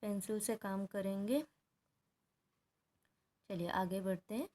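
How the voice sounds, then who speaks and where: A woman teacher with a medium-pitched, warm voice takes her time walking through a Hindi grammar workbook. She patiently explains each answer step by step and checks in with her students along the way.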